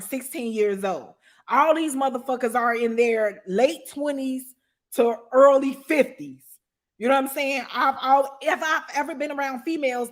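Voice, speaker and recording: A woman telling a story in a loose, profane way, laughing often and asking "you know what I'm saying.". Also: fairly high pitch. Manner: profane, animated, frequent laughter. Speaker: guest storyteller. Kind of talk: casual storytelling.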